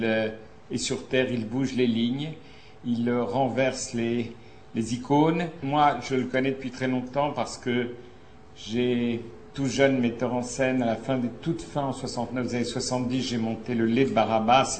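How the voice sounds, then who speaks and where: Older man, halting stage host. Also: mid-range voice, a little mellow, slight background noise. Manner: slow, halting, with many fillers. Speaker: host, stage director introducing a guest. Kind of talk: stage introduction. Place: theatre, before an audience.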